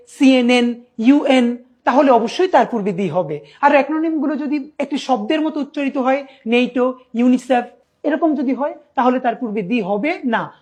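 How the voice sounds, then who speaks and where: High-pitched bangladeshi woman teaching grammar, asks then answers her own questions, drags out key words. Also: a little mellow. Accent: Bangladeshi Bengali. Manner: stretches out key words slowly for emphasis. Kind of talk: grammar lesson at a board.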